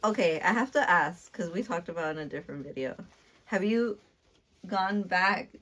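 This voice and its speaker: A woman's voice: fairly low pitch, lively intonation, moderate pace, fairly bright tone. A young woman chatting casually with her sister during a makeup session, playful and teasing. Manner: playful, teasing, laughs easily. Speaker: co-host, sister. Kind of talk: casual get-ready-with-us chat.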